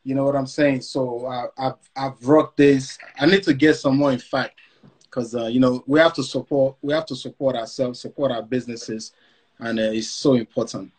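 Chatty man hosting, slightly husky voice. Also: mid-range voice, fairly even intonation, normal speed, darkish tone. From Nigeria. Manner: upbeat, chatty, with slangy asides. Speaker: interviewer host. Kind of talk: casual interview. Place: home room. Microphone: video call.

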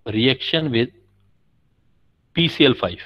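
A man's voice: medium pitch, expressive, extremely slow. A man teaching a chemistry class, patiently explaining and quizzing his students. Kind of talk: classroom lecture. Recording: dull lo-fi recording.

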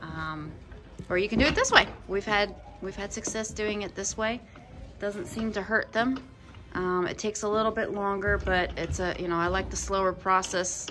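Woman touring her farm, easygoing. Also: medium pitch. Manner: friendly, unhurried, introducing animals one by one. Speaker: farm owner giving a tour. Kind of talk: casual farm tour narration. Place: outdoors and in a barn on a small farm. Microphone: handheld phone camera.

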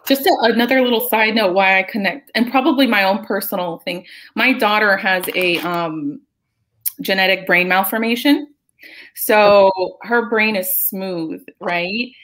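A woman co-hosting a casual livestream chat, relaxed and talkative with frequent fillers. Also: mid-range voice, a little slow. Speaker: co-host.

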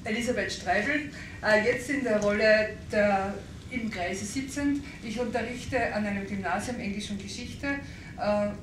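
A woman's voice: medium pitch, normal speed. Woman teacher, hesitant intro; distant camera, echoey room, hiss. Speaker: secondary school teacher. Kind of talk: round-table self-introduction. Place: large wood-panelled hall indoors.

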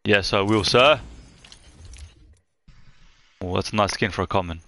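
A young man streaming live from his room on a headset mic, chatting excitedly as he opens game loot. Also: lowish voice, a little slow, dry recording. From Australia.

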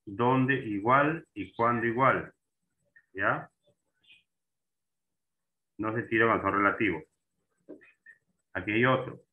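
A man teaching an online class, often checking in with students and asking questions as he goes. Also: fairly low pitch. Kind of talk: online class on Spanish accent marks. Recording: tinny phone-like online call audio.

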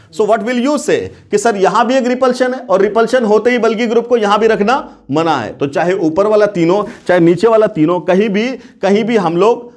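High-pitched man teaching a class. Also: darkish tone. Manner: repeats questions, checks understanding often; addresses students casually as beta. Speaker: chemistry teacher. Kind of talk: classroom lecture.

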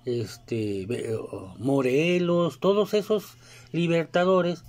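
A man's voice: on the high side, slow pace, a little mellow. A man with a Mexican Spanish accent, talking casually in a rambling monologue full of fillers and asides. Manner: rambling, filler-heavy, keeps asking "you know?". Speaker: commentator.

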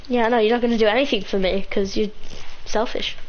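A woman, teasing her friends in casual gaming voice chat. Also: on the high side. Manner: teasing, banter-heavy. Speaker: gamer. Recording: muffled voice chat with crowd noise.

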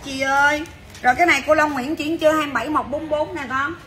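Woman, bright voice, brisk chatty livestream seller, faint background noise. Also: high voice, fairly even intonation. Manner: chatty, brisk, calls out to viewers. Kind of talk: fast livestream sales patter.

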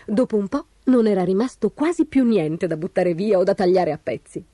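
A woman reading a children's storybook aloud, expressive and animated. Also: medium pitch, moderate pace, no room sound, studio quality.

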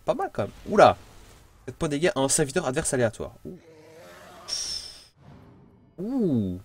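French male gamer commentator, chatty and playful, animated pitch, faint background music. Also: moderate pace. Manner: chatty, playful, thinks aloud. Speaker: gameplay commentator. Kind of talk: casual game commentary.

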